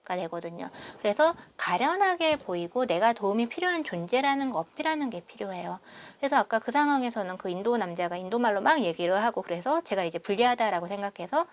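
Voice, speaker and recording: A woman's voice: fairly quick, few pauses. A young woman vlogger telling a travel story casually to camera, acting out the quoted lines. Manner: animated, acts out quoted lines with big pitch jumps.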